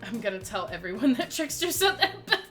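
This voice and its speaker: A woman's voice: a little high, sing-song, a little fast, fairly bright tone, faint music behind. Lady playing a laid-back bragging pop-star killer dude, slangy and cocky. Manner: boastful slangy patter. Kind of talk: dramatic game dialogue reading.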